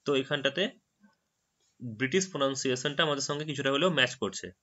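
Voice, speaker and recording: A man's voice: mid-range voice, sharp tone, highs cut off. A man whose first language is Bengali, teaching English vocabulary in a screen-recorded tutorial and patiently explaining each word. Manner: explains patiently, repeats words slowly after a dictionary audio.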